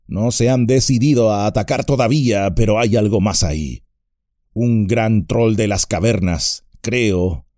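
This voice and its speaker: A man's voice: lowish voice, dark tone, no echo, studio quality. A man voicing a grave old wizard. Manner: solemn, measured speech that turns urgent.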